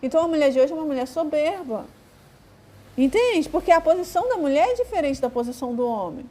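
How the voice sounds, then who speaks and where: High-voiced Brazilian woman preaching casually. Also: animated, fast, warm tone. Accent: Brazilian Portuguese. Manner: conversational, hesitant with fillers, acts out quoted voices. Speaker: Bible teacher. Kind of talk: informal sermon.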